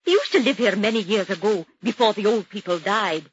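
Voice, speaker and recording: An actress with a Scottish Highland accent playing a sharp-tongued, blunt middle-aged Highland woman in a radio drama. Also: expressive, brisk, slight background noise, lightly acted. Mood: brusque. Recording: dull lo-fi radio recording.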